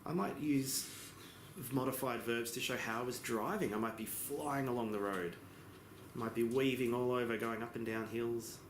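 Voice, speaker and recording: A man giving a simultaneous interpretation as voice-over for a lesson, explaining in phrases with pauses and occasional self-corrections. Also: mid-range voice, fairly even intonation. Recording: echoey room with background noise.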